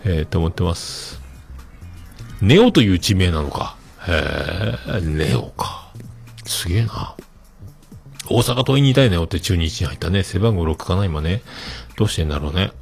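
A man hosting a casual podcast and reading listener mail, relaxed and chatty with many fillers and soft trailing ends, with a Kitakyushu accent. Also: low voice, moderate pace, gravelly, pauses often, faint music behind. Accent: Kitakyushu Japanese. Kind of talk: casual solo podcast talk.

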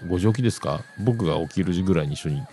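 A man's voice: sits low, expressive, very fast, warm tone. A middle-aged man, hosting a casual solo radio-style show in a rambling, chatty way with self-amused asides. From Yamaguchi, Japan. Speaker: podcast host.

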